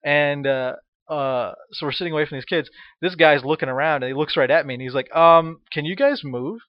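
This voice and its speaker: Brief: profane, animated male storyteller, slightly higher voice, lo-fi dry recording. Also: brisk, dry recording. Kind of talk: casual comedic storytelling. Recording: dull, dry lo-fi sound.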